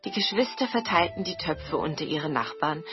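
A woman narrating a storybook in a gentle, expressive reading style. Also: low-pitched, moderate pace, lo-fi sound, music in the background.

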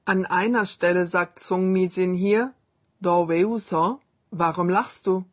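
A woman hosting a scripted radio language lesson, reading model phrases slowly and clearly. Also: fairly low pitch, fairly even intonation.

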